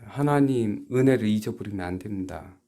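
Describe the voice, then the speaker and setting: A South Korean pastor with a lowish voice preaches haltingly from the pulpit. He mixes quiet, almost private asides with emphatic rhetorical questions.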